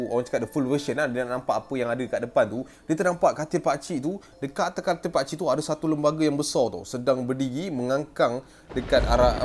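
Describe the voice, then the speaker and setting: A man with a Malaysian Malay accent telling a ghost story in a casual way, acting out sounds and voices with animated delivery. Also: mid-range voice. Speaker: storyteller host.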